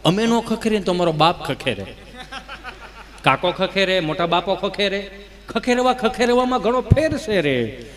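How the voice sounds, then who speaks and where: High-voiced folk comedian. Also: male voice, lively intonation, normal speed, fairly bright tone. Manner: folksy, teasing the audience. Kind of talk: stage comedy monologue.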